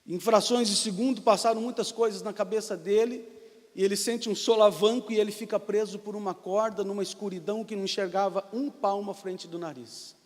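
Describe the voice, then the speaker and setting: A Brazilian man preaching an impassioned sermon as pastor, rising to shouts, in a reverberant church. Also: high voice, steady tone, brisk. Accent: Brazilian Portuguese.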